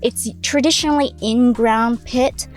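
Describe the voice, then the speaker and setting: A woman's voice: on the high side, unhurried, faint music behind. Malaysian-born woman telling her story animatedly. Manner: animated storytelling, acts out her own quotes. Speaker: restaurant owner, pitmaster. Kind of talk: casual interview chat.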